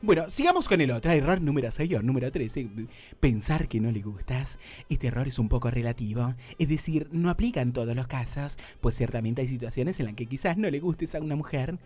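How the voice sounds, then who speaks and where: A man's voice: medium pitch, lively intonation, fairly quick, a little mellow. A man with a Rioplatense Spanish accent hosting a comedic radio talk show, playful and teasing, often stammering and repeating words.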